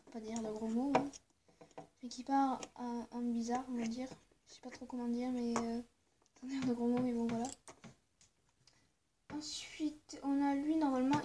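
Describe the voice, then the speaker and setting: Woman chatting through her collection in a vlog, higher voice, lots of um and voilà, slips into near-whispers, faint hiss behind. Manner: hesitant, full of "euh" and "voilà" fillers. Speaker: vlogger showing her figurine collection. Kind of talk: casual show-and-tell vlog.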